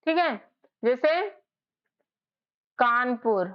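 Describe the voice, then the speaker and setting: A woman teaching English spelling in a casual lesson, explaining slowly letter by letter. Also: a little high, animated, clean tone. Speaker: English tutor. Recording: slightly dull lo-fi sound.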